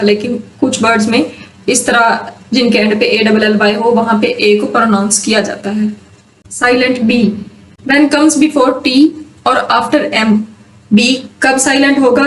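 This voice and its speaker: A woman teaching English pronunciation, reading rule sentences slowly and then explaining them. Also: on the high side. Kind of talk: explaining lesson. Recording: roomy echo, mic at a distance.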